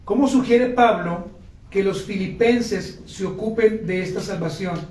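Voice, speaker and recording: A man's voice: sits high, unhurried, darkish tone, a little hiss or hum. A man preaching a sermon as pastor, earnestly calling to his congregation and often breaking into spoken prayers. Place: church sanctuary. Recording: echoey church from a distance.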